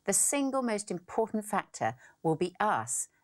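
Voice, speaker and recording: A woman co-presenting a parenting course in expressive, scripted narration. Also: mid-range voice, moderate pace.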